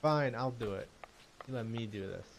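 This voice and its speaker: A man's voice: mid-range voice, moderate pace, vocal fry. A young man streaming and chatting casually with friends over voice chat, joking and playfully indignant.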